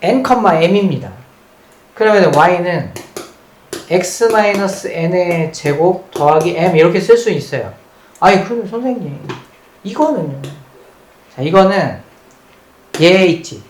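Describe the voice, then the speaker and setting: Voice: medium pitch, lively intonation, slow, pauses often. A math teacher giving a recorded lecture at the board. The teacher repeats key points and quizzes the students, mixing polite and casual speech. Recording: roomy echo with faint background noise.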